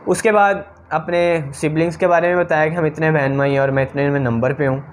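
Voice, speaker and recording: A man's voice: fairly high pitch, fairly even intonation, brisk, slight background noise. A man giving direct, practical advice to interview candidates in an instructional talk. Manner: direct, advising, talks straight to viewers. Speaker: interview coach.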